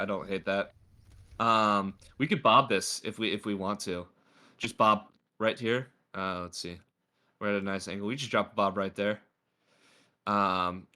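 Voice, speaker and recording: A man with a lowish, sharp-toned voice and a slightly stuffy nose coaches a player through a game replay. It's a casual gameplay review, chatty and packed with filler words.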